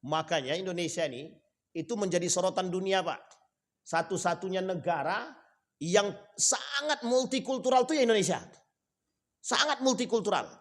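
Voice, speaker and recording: A man preaching a sermon, asking rhetorical questions and speaking straight to his listeners, swinging from loud emphatic rises to low quiet drops. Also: expressive, moderate pace.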